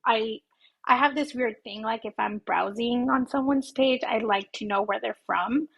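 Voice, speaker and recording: Creaky and husky, with a higher pitch and moderate pace, her voice comes through a muffled recording. The Southern Californian podcast guest, in her twenties, chats casually in an interview, hesitant and filled with ums, likes, and shy, soft laughter.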